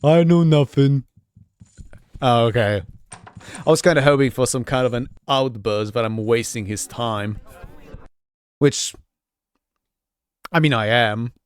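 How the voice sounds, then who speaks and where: A man giving casual commentary on his own playthrough, halting, repeating words and swearing freely. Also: mid-range voice, smooth. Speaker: gamer narrating own playthrough.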